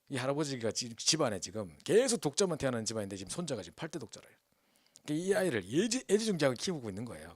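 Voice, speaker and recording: A male pastor preaching a sermon. He tells stories in an animated way and keeps asking the congregation to agree with him. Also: medium pitch, no room sound, studio quality. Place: church.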